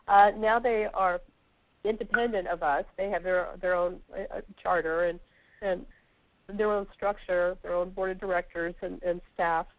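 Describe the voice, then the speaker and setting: A woman with a scratchy voice from a sore throat and a sniffly cold, answering questions haltingly as a guest on a conference call. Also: lowish voice, steady tone, no room sound. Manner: halting, searching for words. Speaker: guest speaker, veterans' organization representative. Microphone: telephone. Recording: tinny, narrowband phone line.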